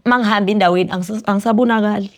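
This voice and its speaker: A young woman with a South African accent telling a personal story as a podcast guest, quiet and reflective, switching between Zulu and English. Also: medium pitch, steady tone, very fast. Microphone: studio podcast mic.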